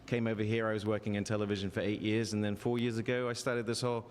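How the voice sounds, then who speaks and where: A man in his forties with a softened English accent, chatting as a guest on a live show, self-mocking and quick to laugh at his own jokes. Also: fairly low pitch, little pitch movement, big-room sound. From England. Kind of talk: casual live interview.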